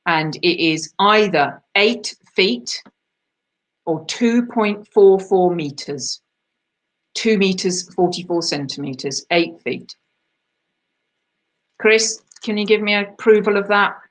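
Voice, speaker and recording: A woman of middle pitch running an online quiz night, going through the answers one by one. She chats between them, pokes fun at herself and drifts off into asides. Her voice comes over a video-call microphone. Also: animated, slow, pauses often. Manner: chatty and self-deprecating, laughs at herself. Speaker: quiz host.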